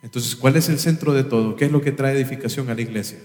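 Pastor preaching in an echoing church. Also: male voice, mid-range voice, quick pace, a little mellow. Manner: emphatic, rhetorical questions, imitates instrument sounds. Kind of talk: sermon. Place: church sanctuary. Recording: echoey hall, reverb.

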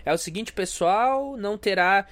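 A man's voice: high-pitched, lively intonation, moderate pace, fairly bright tone. A young man with a stuffy nose, hosting a crude, self-mocking comedy podcast rant. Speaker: podcast host.

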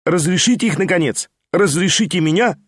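A jittery, excitable young schemer, put on by a male reader pours out his words in a quick, lifted voice. He chatters and presses on without pause. The sound is dry and close. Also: high-pitched, breathy edge, dry recording, pitched above the performer's own voice. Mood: eager, chattering. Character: eager fast-talking scheming young man.

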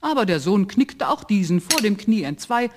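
A man narrating a fairy tale from a script. His voice is high for a man. He tells the story in an even, steady way. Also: normal speed, noisy background.

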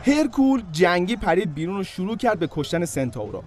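A man's voice: sits high, big pitch swings, darkish tone, faint music behind. A man hosting a podcast, telling comic stories in a casual way with joking asides to the listener. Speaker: podcast host and storyteller. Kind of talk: comic storytelling narration.

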